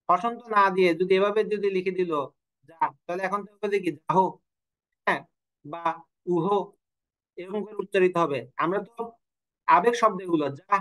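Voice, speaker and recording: A man's voice: sits high, a bit bright, rough recording. A man teaching an online language class, explaining rules, asking his students questions and telling a joke now and then. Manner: explanatory, asks students questions, tells jokes. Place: online class from home or studio.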